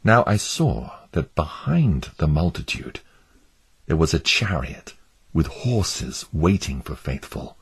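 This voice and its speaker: A man narrating an allegorical story in a measured, dramatic storytelling manner. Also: extremely low pitch, very animated, gravelly, breathy edge.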